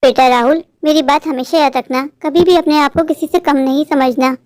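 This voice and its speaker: A fussing, affectionate mother bird, voiced by a woman in a cartoon, doting on her son and fearful of loneliness. Her voice is very high. The recording is dry and close. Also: steady tone, normal speed, dry recording, close to an everyday voice. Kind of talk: cartoon voice acting.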